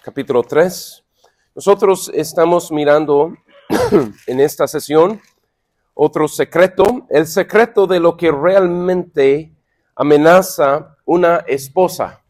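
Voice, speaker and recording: A middle-aged man leading a sermon-style Bible lesson for married men, halting with fillers and repeated words, and playfully acting out little quips. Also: on the high side, darkish tone. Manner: playful, acts out quips for laughs. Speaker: pastor leading a men's Bible study.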